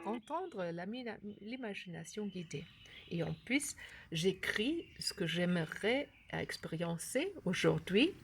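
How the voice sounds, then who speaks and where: A woman from Germany with a German accent gives an unscripted app tutorial in broken, halting French, searching for words. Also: mid-range voice, sing-song, noisy background. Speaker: course creator and app instructor.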